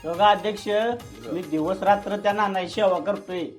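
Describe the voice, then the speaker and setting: A man with a Konkan Marathi accent playing an excitable villager who pleads and protests to the village head in a comic web series. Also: high voice, moderate pace, faint music behind, lightly acted. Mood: pleading. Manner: pleading, protesting, repeats himself. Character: whiny, excitable village man accused of land grabbing.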